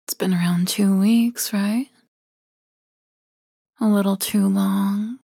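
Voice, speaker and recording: A woman in an intimate ASMR roleplay, speaking in a soft murmuring whisper with hums and sighs. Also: medium pitch, steady tone, takes it slowly, creaky, slightly rough, no room sound, studio quality. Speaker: roleplay narrator.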